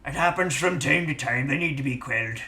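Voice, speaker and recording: A man voicing a self-righteous male station official in a put-on accent that keeps drifting toward a pirate voice, officious with hushed asides. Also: medium pitch, fairly quick, lightly acted.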